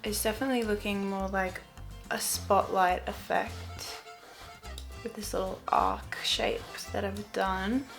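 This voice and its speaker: A woman narrates a casual screen tutorial at an unhurried pace, with a gravelly creak in her voice. She thinks aloud hesitantly and repeats words as she decides what to do. Music plays clearly behind her. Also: medium pitch, animated. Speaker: photo editing tutorial host.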